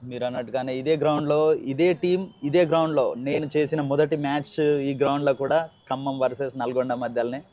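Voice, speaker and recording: A man's voice: medium pitch, steady tone, fast talker, hardly any pauses, a little mellow. A man with a Telugu accent co-commentating on live cricket in formal, wordy phrasing.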